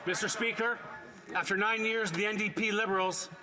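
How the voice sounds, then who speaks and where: A man delivering a combative, shouted political speech with emphatic repetition as an opposition member. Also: high voice, steady tone, moderate pace. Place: large indoor legislative chamber. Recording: noisy chamber with loud crowd.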